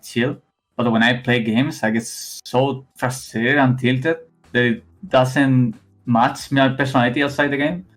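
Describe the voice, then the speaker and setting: A young Spanish man speaks English with a heavy accent, stopping and restarting his sentences as he goes. His pitch sits in an ordinary middle range. Faint music plays quietly in the background. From Spain. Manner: halting, many restarts and fillers. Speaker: esports player guest. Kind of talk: casual interview.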